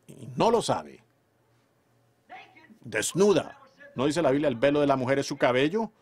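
Fervent male preacher, emphatic. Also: on the high side. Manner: emphatic, swings from loud declarations to quiet storytelling. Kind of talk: fervent sermon delivery.

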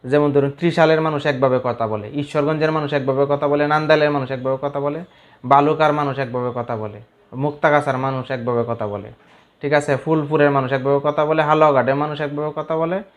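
A man from the Mymensingh region of Bangladesh vlogging in his local Bengali dialect, talking casually to camera with a rambling, halting delivery. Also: a little high, fairly even intonation, muffled recording.

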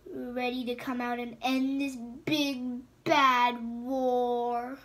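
In a storybook read-aloud, a woman voices a scheming, venomous sand dragon queen, hissing, mocking and taunting with menace. Her fairly high, fairly bright voice moves very slowly with little pitch movement.

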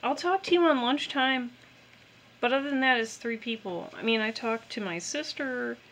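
A woman with a fairly high, bright voice talks frankly in a casual podcast conversation. She is chatty and supportive. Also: moderate pace, a little hiss or hum. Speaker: podcast co-host. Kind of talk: casual chat.

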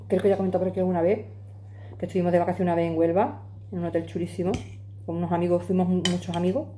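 Eating and talking to her phone camera on the table, this forty-something woman from Madrid, Spain, vlogs casually from her home kitchen. She speaks rapid-fire in a lowish, dark voice with a level tone, over a slight hiss or hum. Her manner is chatty and emphatic, hands moving as she talks.

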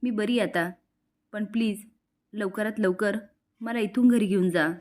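A woman voicing a gentle young woman recovering in hospital, speaking softly and from the heart. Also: medium pitch, unhurried, close to an everyday voice. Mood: heartfelt.

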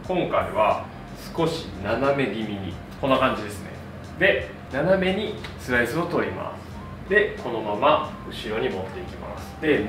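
Speaking at a medium pitch against a noisy background, a man in his thirties who works as a hairdresser walks the camera through a hair tutorial step by step. His tone is upbeat and friendly. Background music plays, and the distant mic picks up a roomy echo.

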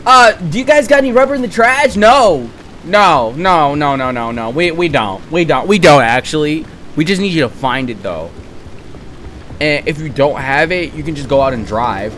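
A man's voice: a little high, animated, moderate pace, fairly bright tone, a little hiss or hum. A man mocking a pushy dismissive garage crew. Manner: mocking, brushing him off. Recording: game music playing under voice.

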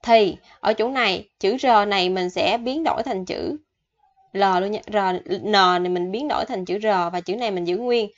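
A woman teaching a vocabulary lesson, repeating each word slowly and then explaining it in a chatty way. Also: medium pitch. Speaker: Korean language teacher. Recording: dull lo-fi recording.

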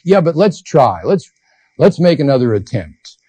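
A man voicing an earnest old male philosopher who coaxes a rival into discussion, in a mellow voice. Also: medium pitch, expressive, measured pace, breathy edge, no echo. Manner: earnest, coaxing.

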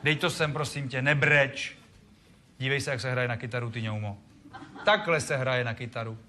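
A man's voice: medium pitch, steady tone, voice pushed down, lightly acted. A man acting out an angry father who barks insults and orders at his son. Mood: sneering. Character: angry, scolding father, harsh and contemptuous. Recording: music playing behind.

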